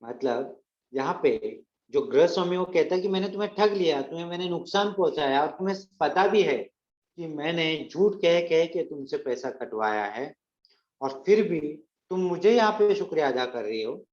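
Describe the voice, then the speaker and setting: A man's voice: a little high, animated, normal speed, darkish tone. Male teacher explaining a play, paraphrasing each line, in a lo-fi room recording. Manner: reads lines aloud, then paraphrases and repeats them. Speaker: Hindi teacher. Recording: echoey, dull lo-fi recording.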